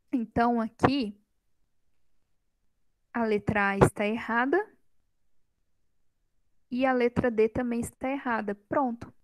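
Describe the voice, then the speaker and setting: A woman's voice: fairly high pitch, dry recording, low-quality recording. A woman teacher giving a grammar lesson in a classroom on a microphone, quizzing her students and teasing them lightly. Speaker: Portuguese teacher.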